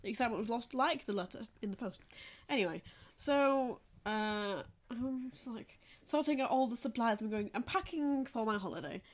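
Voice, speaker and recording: A woman's voice: a little high, normal speed. A woman, co-hosting a podcast and telling rambling, self-mocking stories in casual chat. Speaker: podcast co-host.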